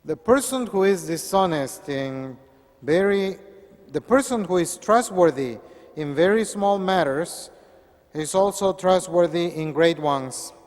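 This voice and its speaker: Priest in an echoey church. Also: male voice, fairly high pitch, lively intonation, a little mellow. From Peru. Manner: measured, earnest preaching. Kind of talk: Gospel reading and sermon.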